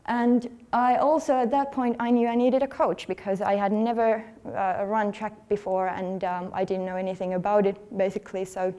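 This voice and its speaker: A woman, giving an earnest, conversational talk at a conference, now and then pausing over her words. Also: mid-range voice, level tone, warm tone. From Finland. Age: 30s. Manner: earnest, conversational, slightly halting. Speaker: athlete speaking at a workshop. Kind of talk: conference presentation. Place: conference hall.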